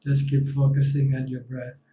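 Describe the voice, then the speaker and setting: A man with a Thai accent, a monk calmly reading out viewer comments and guiding meditation in a live Q&A. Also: medium pitch, distant mic. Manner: slow, calm, reads viewer comments aloud. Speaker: monk answering questions. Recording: dull lo-fi sound in a roomy space.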